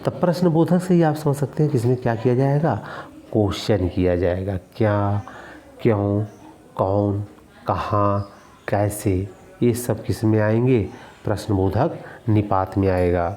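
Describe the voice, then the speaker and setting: A man's voice: lowish voice, unhurried, mellow. A male teacher giving a grammar lesson, asking his own questions and answering them, repeating key words for emphasis.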